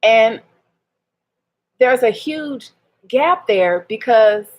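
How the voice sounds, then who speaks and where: A woman's voice: a little high, animated, very slow, lo-fi sound. A woman, talking candidly in a personal vlog, hurt and laughing ruefully through her restarts. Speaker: vlogger.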